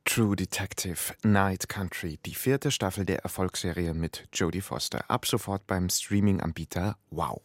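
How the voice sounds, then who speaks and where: A man's voice: sits low, moderate pace, hardly any pauses, no echo. A man with a standard German accent presenting a culture programme on the radio from a script. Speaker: radio culture show host. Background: faint music.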